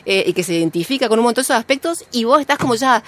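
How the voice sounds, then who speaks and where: A woman's voice: a little high, lively intonation, very fast, slight background noise. Effusive woman host from Peru. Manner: effusive, fills with tag questions. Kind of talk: casual chat.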